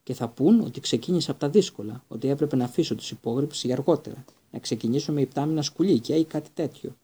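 A man doing a drunk, gloomy giant gamekeeper in a storybook reading. The voice is dark and hoarse, with a husky edge, and stays in a miserable, self-blaming tone. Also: medium pitch.

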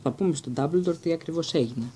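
A man's voice: a little high, dark tone, breathy edge. A man voicing a tense, defiant schoolboy in an audiobook, speaking insistently.

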